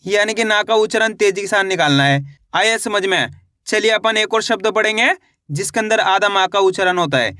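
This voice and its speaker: A man teaching reading in a video lesson, drilling each sound with repeated questions and slow model words. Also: high voice, pushed and bright, no echo, clean studio sound. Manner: repetitive call-and-response drilling, drawn-out model words. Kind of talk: classroom-style video lesson.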